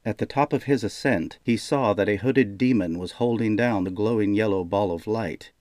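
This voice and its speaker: An audiobook narrator with a fairly low male voice reads a fantasy novel in a steady, measured style. The scripted narration is recorded dry and close, without any room sound.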